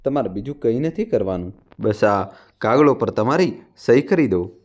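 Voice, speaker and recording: A man reading the lines of a scheming elder son who coaxes and persuades smoothly in a storybook narration. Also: medium pitch, expressive, moderate pace, darkish tone, lightly acted. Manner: coaxing, persuasive.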